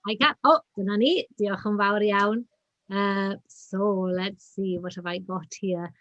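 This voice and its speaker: A woman's voice: mid-range voice, steady tone, unhurried, fairly bright tone, highs cut off. A woman with a Welsh accent giving an informal, explanatory lecture over a video call, slipping into Welsh phrases. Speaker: guest speaker, professor.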